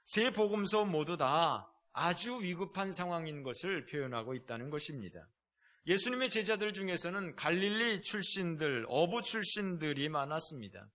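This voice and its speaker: A male pastor preaching a sermon in a lively way, acting out quoted lines in shifting tones. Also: a little high, moderate pace.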